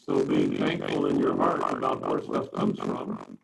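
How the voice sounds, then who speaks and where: Group leader, male, gravelly; video call with glitching, underwater-sounding garbled audio. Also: a bass voice, monotone, unhurried, far from the mic, low-quality recording. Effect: garbled, underwater-sounding glitching mic audio. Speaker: Bible study group leader. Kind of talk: leading an online group discussion.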